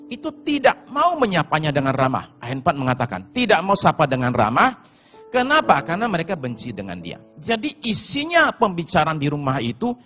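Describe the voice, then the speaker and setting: A man preaching a sermon as pastor, telling stories and addressing the congregation directly, sometimes shouting in put-on voices. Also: fairly high pitch.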